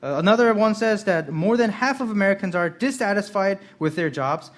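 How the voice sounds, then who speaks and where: Earnest man preaching, higher voice. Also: fairly quick. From South Korea. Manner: earnest, swinging between soft reflective lines and emphatic rising questions. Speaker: pastor. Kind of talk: sermon.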